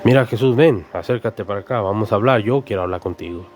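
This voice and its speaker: A man's voice: fairly low pitch, quick pace, darkish tone, soft background music, pitched below the performer's own voice, close to an everyday voice. A man preacher voicing an impulsive, loyal male disciple who insists earnestly and keeps pleading with his friend by name. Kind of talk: sermon storytelling with acted voices.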